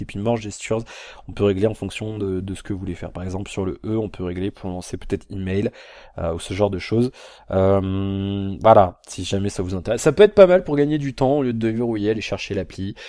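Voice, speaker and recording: Rambling man with a low, mellow voice. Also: no room sound, clean studio sound. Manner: rambling, hesitant, lots of fillers and restarts. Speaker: tech reviewer. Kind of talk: casual phone review vlog. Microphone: built-in camera mic, camera resting on a box.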